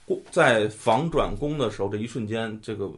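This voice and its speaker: A man's voice: lowish voice, a little fast. A man hosting a casual football podcast, laughing, joking and swearing with his co-hosts. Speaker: podcast host.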